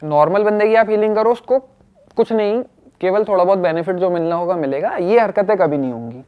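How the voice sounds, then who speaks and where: A young man casually telling a personal story, animated and acting out what others said. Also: high voice, fairly quick, smooth, narrow, tinny audio. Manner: animated, acts out quoted speech.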